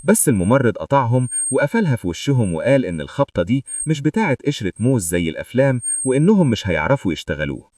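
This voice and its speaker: A man with an Egyptian Arabic accent, narrating a manga story recap as a lively, joking storyteller. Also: medium pitch, fast, no echo, clean studio sound, recorded from a distance.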